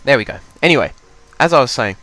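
There's no room sound as a young man with a head cold commentates his own game at a home desk microphone, chatting casually and thinking aloud. He hosts a gaming channel. His congested voice is mid-range and sharp in tone, and he speaks fast and expressively.

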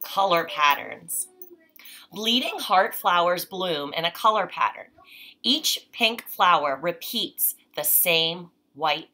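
Recorded indoors in a small home room with poor audio, this thirties-aged mother and teacher gives a read-aloud lesson for kids. She speaks slowly in a lowish, bright, forceful voice with lively intonation, keeping explanations simple and frequently adding quick check-in tags.

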